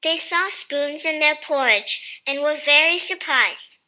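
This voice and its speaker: A woman tells a children's fairy tale at an unhurried pace. Her voice sits high and sounds very bright, and she keeps the storybook delivery slow and even throughout. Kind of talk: scripted storybook narration.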